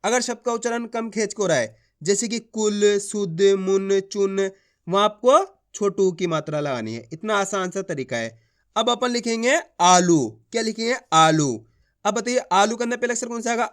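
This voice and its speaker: A man gives a patient beginners' spelling lesson. His voice sits high, and he stretches each word out before breaking it into sounds. He asks his viewers questions and answers them himself. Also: fairly bright tone. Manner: drawn-out words, repeats each word to the learner. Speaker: Hindi teacher.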